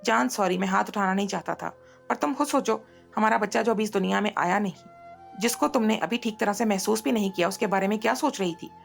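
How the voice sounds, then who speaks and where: Soft pleading young husband, gravelly, plain pitch, a woman reads him. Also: a little fast, faint music behind. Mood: tender. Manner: pleading and tender.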